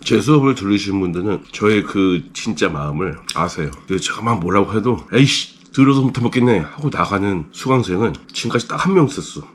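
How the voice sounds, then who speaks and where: A man with a lowish voice talks to camera about teaching, swinging widely between quiet asides and sudden loud bursts. A faint hiss sits under the recording. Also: brisk, hardly any pauses. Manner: emphatic, lively, shifting between soft asides and loud bursts. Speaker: English speaking test instructor. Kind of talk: passionate monologue to camera.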